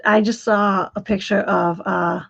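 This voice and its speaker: On her live stream, a woman speaks at a measured pace in a steady, medium-pitched voice that's a bit bright yet heavy with gravelly fry and huskiness. She rambles, restarting sentences and repeating words, and the audio comes through dull and lo-fi.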